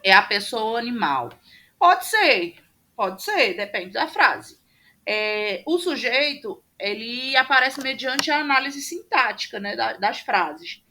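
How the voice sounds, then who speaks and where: A woman's voice: fairly high pitch, expressive, a little slow, bright, forceful tone. A woman teaching a class over a video call, explaining step by step with patient fillers. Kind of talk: online class lecture. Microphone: computer mic on a video call.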